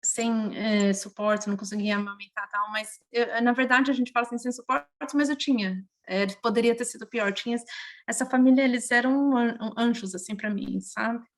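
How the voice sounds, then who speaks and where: Brazilian woman, podcast guest, slightly high voice, lively and emotional storyteller. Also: normal speed. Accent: Brazilian Portuguese. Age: adult, mother of a young child. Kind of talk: casual interview conversation.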